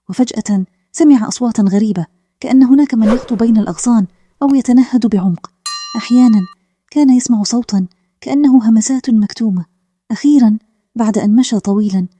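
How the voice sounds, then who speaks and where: A woman narrates a calm bedtime story in a steady, even manner. Her voice is very dark and mellow, and it sits a little high. The recording is close and dry. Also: no echo.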